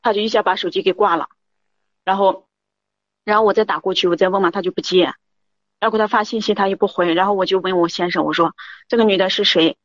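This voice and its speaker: A woman's voice: mid-range voice, fairly even intonation, fast, no room sound, lo-fi sound. A woman calling in to tell her story in a rambling, confiding way, repeating "I said" again and again. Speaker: caller. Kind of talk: confiding call-in account.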